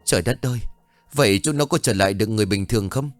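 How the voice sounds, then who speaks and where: A man's voice: lowish voice, very fast, soft background music, lightly acted. A man doing a frightened old grandfather. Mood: anxious.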